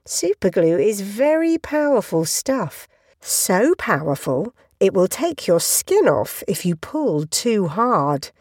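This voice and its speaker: A woman narrating a children's storybook aloud, expressive, slowing down for emphasis. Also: slightly rough, no echo, clean studio sound. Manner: expressive, sweeping pitch with slowed emphasis.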